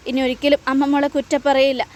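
A woman reading the lines of an anxious, loving mother of grown daughters, soothing and imploring, in a high voice. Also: flat delivery, fast, a little mellow, close to an everyday voice.

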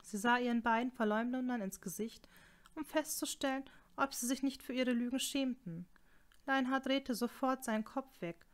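A woman narrating an audiobook in an even, measured storytelling manner. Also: a little high. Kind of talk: scripted narration.

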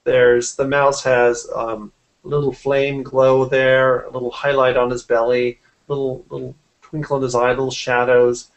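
The recording is rough: a man in his forties, a graphic artist, chats casually about what he does during a video-call interview from a room at home. His mid-range voice shows little pitch movement and keeps a moderate pace over the computer mic.

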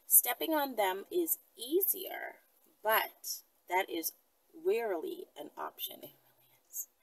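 A woman in her thirties answers viewer questions to camera from inside a car that is often moving, emphatic and repetitive, checking in with "right?" and "okay?". A camera or phone mounted at arm's length records her from a distance, off-mic. The noisy interior is full of vehicle rumble and loud road noise.

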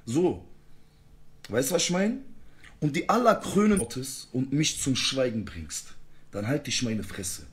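A man's voice: mid-range voice, very animated, a little slow, slight background noise. A man ranting heatedly in a live-stream argument, full of street slang.

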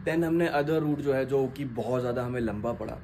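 A man vlogging a road trip, recapping for his viewers in a casual, steady way. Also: medium pitch, moderate pace, noisy background. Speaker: travel vlogger. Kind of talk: casual travel narration.

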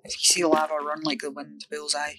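A woman with a somewhat low voice chats through a gaming session. She is playful and teasing, talking back at the game's creatures and tossing in silly sound effects. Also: completely flat delivery, brisk, a bit bright, a little hiss or hum. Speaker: gamer. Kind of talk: casual gaming chat.

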